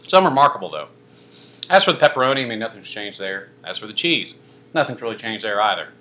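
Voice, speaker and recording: A man's voice: lowish voice, very animated, quick pace, bright, forceful tone. A young man casually reviewing a pizza on camera, rambling with lots of fillers and dry self-mocking asides. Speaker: food reviewer. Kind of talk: casual food review vlog.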